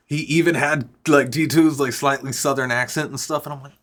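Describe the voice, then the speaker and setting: A man's voice: mid-range voice, steady tone, normal speed, a bit bright. A young man, a rapper and vlogger, telling a personal story in a casual, profane, rambling way that keeps cutting itself off. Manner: profane, rambling, self-interrupting.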